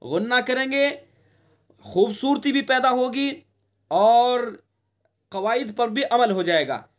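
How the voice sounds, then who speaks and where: A male recitation teacher giving an online lesson, explaining patiently and breaking into long drawn-out chanted recitation. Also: very high-pitched, highs cut off. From India.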